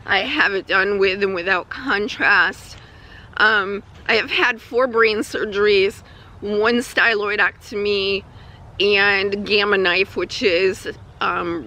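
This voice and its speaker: A woman with a weak, strained voice and a troubled throat, giving a halting, casual personal update to camera while outdoors. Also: medium pitch, bright, forceful tone. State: throat spasms with coughing and throat clearing. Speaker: vlogger. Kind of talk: personal health update vlog, casual talk. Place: outdoors on a hike.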